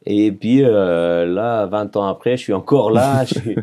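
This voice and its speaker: A man in his forties from Serbia, his voice fairly low and warm, tells his life story unhurriedly as a podcast guest. He speaks earnest French with a Serbian accent, pausing to find words and repeating phrases.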